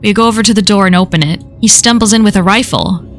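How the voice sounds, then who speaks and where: A woman reads a horror story aloud for a live stream, her voice sitting at an ordinary middle pitch. She keeps a measured storytelling pace and slows down where the story grows tense. Soft music plays faintly behind her.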